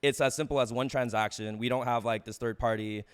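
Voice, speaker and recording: A man talking through a livestream headset mic, co-hosting a casual chat and rattling off eager explanations full of "like". His voice sits at an ordinary middle pitch for a man. The sound is close and direct, as from a mic near his mouth. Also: steady tone, fairly quick, smooth.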